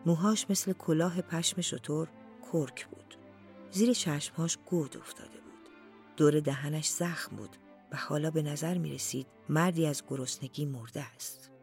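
Reading a literary story over soft background music, this audiobook narrator has a mid-range, slightly mellow voice. The storytelling is slow and deliberate, occasionally dropping almost to a whisper.

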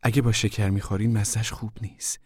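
A man reading an audiobook, voicing a wary, proud migrant mother in a soft, guarded voice. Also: on the low side, little pitch movement, slightly rough, no room sound, clean studio sound, pitched above the performer's own voice. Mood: guarded warmth. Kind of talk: audiobook character voice.

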